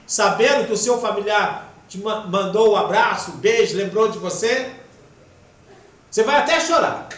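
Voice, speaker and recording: A man's voice: high-pitched, moderate pace. Emotional man preaching in an echoey hall. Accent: Brazilian Portuguese. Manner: emotional, swings between loud urging and soft near-whisper. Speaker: spiritist lecturer. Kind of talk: devotional talk. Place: spiritist center hall. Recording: echoey hall with faint background noise.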